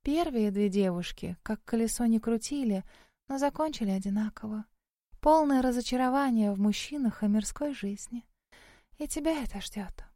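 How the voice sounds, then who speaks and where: A woman's voice: on the high side, normal speed, no room sound, studio quality, lightly acted. A woman voicing a scolding centuries-old spirit. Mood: gloomy warning. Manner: scolding, sarcastic, often hushed. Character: sharp-tongued centuries-old female spirit, disapproving.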